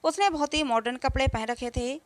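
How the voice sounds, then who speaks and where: A woman reads a first-person story aloud in a steady, earnest, scripted way. Her voice sits high, and the recording is dry and close with no room sound. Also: brisk, no room sound. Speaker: narrator.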